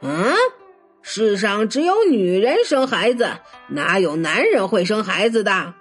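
A woman's voice: medium pitch, animated, normal speed, husky, faint music behind. A woman voicing an angry, pompous male prefect who scolds and blusters. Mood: indignant.

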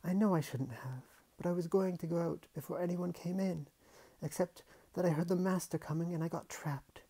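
A man's voice: a little high, a little fast, warm tone, slightly rough, voice pushed up. A man doing a bold young girl. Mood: pleading. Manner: urgent, pleading, breathless. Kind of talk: audiobook character voice.

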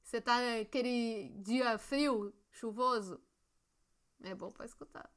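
A woman's voice: a little high, takes it slowly. A young woman co-hosting a casual podcast, teasing and giggly. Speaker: podcast co-host.

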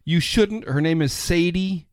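A man's voice: fairly high pitch, a little slow, a little mellow, no echo, studio quality. A man in his fifties, a podcast host, chatting casually and enthusiastically about movies in a rambling way. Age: 50s.

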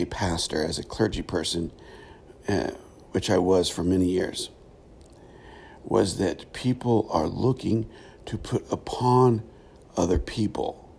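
A middle-aged man with a gravelly voice giving a reflective solo podcast monologue, thoughtful and halting, with frequent pauses. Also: sits low, darkish tone, a little hiss or hum. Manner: thoughtful, halting, pausing often. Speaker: podcast host, former pastor.

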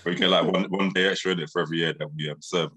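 A man's voice: low voice, steady tone, racing, sharp tone, husky. A man with an urban London roadman accent, chatting casually in slang as a podcast co-host. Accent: London, urban street. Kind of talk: casual chat, street slang.

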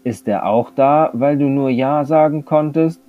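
A man voicing an outspoken young letter who asks sharp, protesting questions. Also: mid-range voice, unhurried, soft background music, voice pushed up, natural voice. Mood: curious. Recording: slightly dull lo-fi recording.

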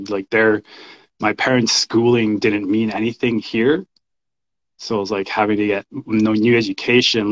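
A Canadian man in his thirties, a men's coach and shamanic practitioner appearing as a podcast guest, tells stories about his own life in a relaxed interview. He has a fairly deep voice and an informal, halting delivery. The recording sounds a little dull and lo-fi.

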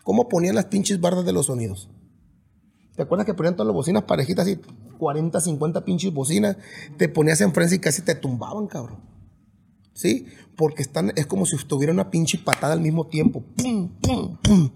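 A man from Mexico, a band musician and singer, telling stories in a casual interview, animated and swearing freely. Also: fairly high pitch, a little fast, creaky, breathy edge. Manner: animated, swears freely, imitates drum hits with his voice.

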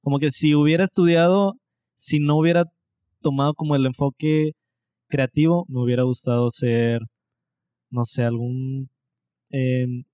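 A man's voice: medium pitch, measured pace, pauses often, clear, resonant tone, no room sound, studio quality. A young man from Monterrey, chatting casually and a bit ramblingly as a podcast co-host. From Mexico (Monterrey). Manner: relaxed, rambling, self-deprecating. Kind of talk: casual chat.

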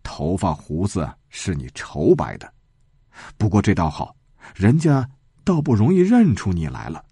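A man's voice: sits low, very animated, measured pace, mellow, breathy edge, no echo, clean studio sound, full character voice. A man voicing a crafty, friendly old man in a spoken storybook, talking in a sly, coaxing way.

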